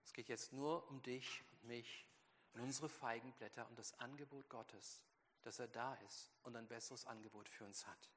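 A man's voice: medium pitch, fairly even intonation, normal speed, a bit bright. A man preaching a sermon with strong emphasis, acting out biblical quotes in a raised voice. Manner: emphatic, acts out quotes in a heightened voice. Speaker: pastor. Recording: long hall reverb.

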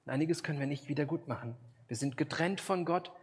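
A man's voice: a little high, fast, breathy edge. A man preaching a sermon, earnest and emphatic, speaking directly to his listeners.

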